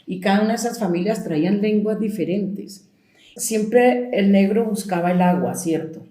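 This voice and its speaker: In an echoey room, a Colombian storyteller reflects aloud with emphasis, drawing out her key words. She has a mellow, mid-range voice and keeps a moderate pace.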